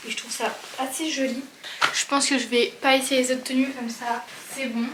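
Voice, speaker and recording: Chatty young woman, slightly high voice. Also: flat delivery, fairly quick, noisy background. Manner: chatty, informal, full of fillers and slang. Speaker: vlogger. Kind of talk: casual vlog chat.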